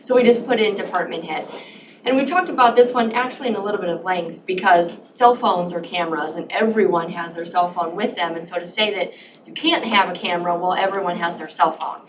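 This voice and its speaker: Woman presenting policy changes, off-mic, steady hum behind. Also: on the low side, fairly quick, highs cut off. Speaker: county staff presenter. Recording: distant mic with background noise.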